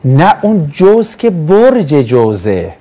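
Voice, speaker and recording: A man's voice: a little high, huge pitch swings, warm tone. Joking male Quran teacher from Mashhad. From Mashhad, Iran. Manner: chatty, joking, asks the class questions. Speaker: religious studies teacher. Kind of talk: classroom Quran lesson.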